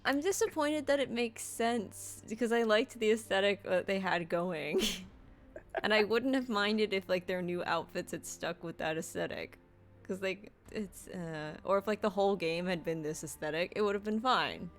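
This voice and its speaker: A woman's voice: mid-range voice, moderate pace. A woman streaming a video game, chatting casually and playfully, often laughing. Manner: laughing, playful, hums and sings along. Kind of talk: casual gameplay chat. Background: faint game music.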